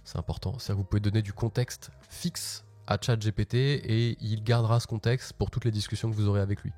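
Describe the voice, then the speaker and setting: A man's voice: on the low side, fairly even intonation, fast, darkish tone. A man hosting a casual live tech walkthrough from his office, chatty and slangy, often restarting his sentences. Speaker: host.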